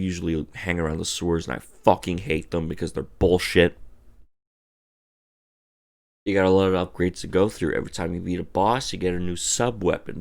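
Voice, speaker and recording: Male game reviewer, drunk, very low and fry-heavy, profane, emphatic, stretches out words. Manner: emphatic, theatrical, drawn-out words and repeated phrases.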